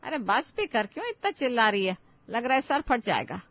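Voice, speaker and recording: A woman's voice: a little high, very animated, normal speed, no echo. A woman voicing a stern, nagging middle-aged mother-in-law who scolds her daughters-in-law sharply, in a dull lo-fi recording. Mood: irritated. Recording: dull lo-fi sound.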